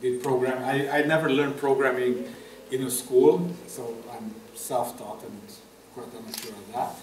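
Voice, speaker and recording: The guest artist from Romania, middle-aged, has a darkish medium-pitched voice with fairly even intonation and a measured pace. At the festival table talk he hesitates often and leans on fillers; the stand-mounted table mic sits far away in an echoey room, with slight background noise and an audience present.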